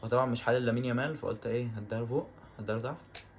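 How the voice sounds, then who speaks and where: A man with an Egyptian Arabic accent talks over his football video game in quick, tumbling bursts. He gets excitable and says the same exclamation several times in a row. His voice sits at an ordinary middle pitch. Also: slight background noise. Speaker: gaming YouTuber. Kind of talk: let's-play commentary.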